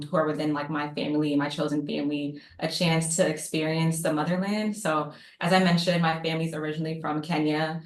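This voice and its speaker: A woman in her thirties from the United States, a psychologist guest chatting casually on a video call, with fillers and laughing asides. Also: sits low. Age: 30s. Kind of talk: casual panel talk. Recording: echoey room on video call.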